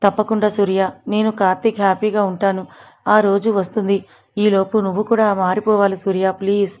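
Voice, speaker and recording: A woman's voice: mid-range voice, level tone, fairly quick, a little mellow, lightly acted. A woman voicing a kind, grateful young married woman in a storybook. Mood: pleading. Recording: dull lo-fi recording.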